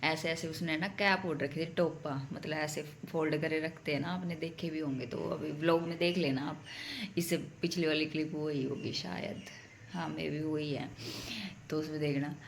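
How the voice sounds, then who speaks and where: A woman's voice: low-pitched, steady tone, normal speed, gravelly, a little hiss or hum. A young woman vlogger casually telling a story at home to her viewers, chatty and direct. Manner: chatty, addresses viewers as bhai.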